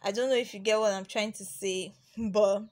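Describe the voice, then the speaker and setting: Speaking at a moderate pace with a steady, slightly mellow mid-range voice, the Nigerian nail tech talks beginners through her tutorial in voice-over. She's chatty, repeats herself, and often says um or starts over.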